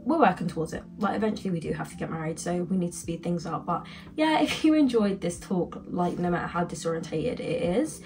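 A woman's voice: lowish voice, lively intonation, fast talker, few pauses, darkish tone, faint music behind. A young woman from the UK chatting casually in a rambling storytime vlog, saying "like" constantly. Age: young adult. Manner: rambling, heavy use of "like". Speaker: vlogger.

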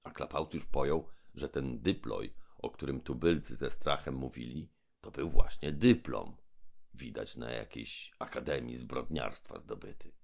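Very deep gravelly male narrator. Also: a little slow. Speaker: audiobook narrator. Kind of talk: storybook narration.

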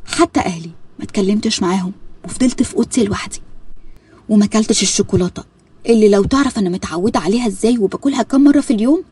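A woman's voice: mid-range voice, very fast, warm tone, breathy edge. A woman with an Egyptian accent voicing a shy, self-critical young bride in an earnest tone. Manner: earnest, sheepish.

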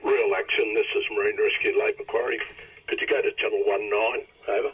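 Give me a man working as a marine rescue radio operator, heard over a marine VHF radio and using formal, measured radio procedure. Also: fairly low pitch, steady tone. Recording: tinny radio transmission.

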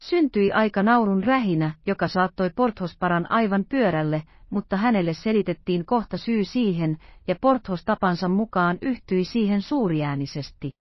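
A woman's voice: medium pitch, lively intonation, hardly any pauses, no room sound. Woman reading an audiobook, dull and dry. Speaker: audiobook reader. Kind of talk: scripted narration of a classic novel.

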